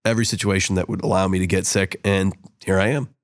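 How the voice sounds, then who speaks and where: A man from San Diego co-hosting a podcast, hoarse from a cold, chatting casually and mocking himself. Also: deep voice, steady tone, dry recording, studio quality. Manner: quick, chatty and self-mocking. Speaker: podcast co-host. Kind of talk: casual podcast chat and show intro.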